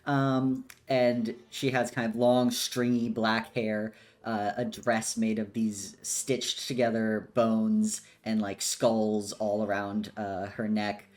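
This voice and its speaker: Slow chill guy running a tabletop game, lots of um and uh. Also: on the low side. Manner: slow, relaxed, with many fillers. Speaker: game master.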